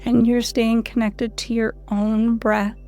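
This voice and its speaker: A woman calmly guiding listeners through a guided audio lesson in an unhurried, soothing voice. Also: on the high side, faint music behind. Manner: calm, soothing, unhurried instructions. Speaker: canine rehab instructor.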